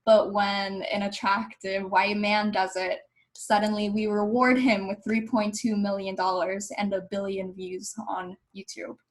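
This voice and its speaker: A young woman, a student, presents her argument to the class over a video call. She speaks earnestly and persuasively at a middle pitch. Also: flat delivery, unhurried, low-quality recording. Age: young adult.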